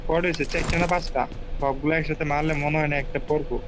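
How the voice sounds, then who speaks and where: A man's voice: fairly high pitch, steady tone, fast talker, faint music behind. A man chatting while gaming and giving his partner short instructions. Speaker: gamer. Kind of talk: casual chat while gaming. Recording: noisy background.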